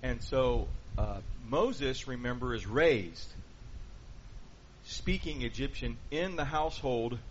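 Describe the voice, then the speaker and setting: Speaking slowly with lively intonation at medium pitch, a man guides a Bible study group through questions and talks over their answers. The recording has a dull, lo-fi quality and faint hiss.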